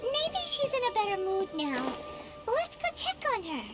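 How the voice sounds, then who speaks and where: A woman voicing a tiny, chatty and excitable floating fairy girl companion in a game, with a high, squeaky voice. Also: a little slow, full character voice. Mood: puzzled. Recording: game audio with music behind.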